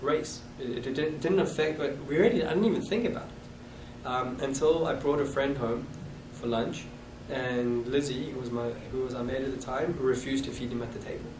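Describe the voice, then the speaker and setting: In an oral history interview, a man in his thirties with a South African accent and a mid-range voice recalls his past, halting and restarting as he goes. The recording is noisy, with an echoey room and a distant mic.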